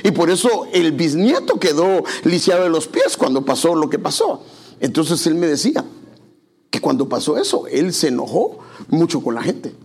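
A man's voice: fairly high pitch, sing-song, moderate pace, darkish tone, slightly rough. A male pastor preaching a conversational sermon in church, speaking directly to the congregation.

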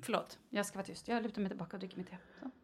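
A woman's voice: mid-range voice, steady tone, husky. A middle-aged woman co-hosting a podcast in casual chat, telling stories dramatically, swearing freely and dropping into whispered asides. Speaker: podcast co-host.

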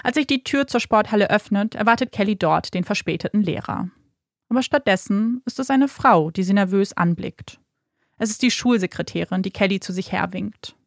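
Woman narrator, true-crime podcast, measured dramatic read, gravelly, dry studio. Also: mid-range voice, no echo.

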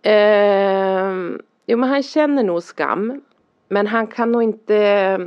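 A woman's voice: medium pitch, clear, resonant tone. A middle-aged woman, a parent, chatting casually and rambling through a story, acting out the lines people said. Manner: rambling, animated, acts out quoted lines. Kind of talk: casual chat. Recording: dull lo-fi sound.

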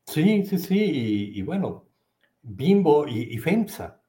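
A man with a Mexican accent giving conversational commentary as an interview guest, halting and often tagging phrases with a questioning word. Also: fairly high pitch, sing-song, dark tone.

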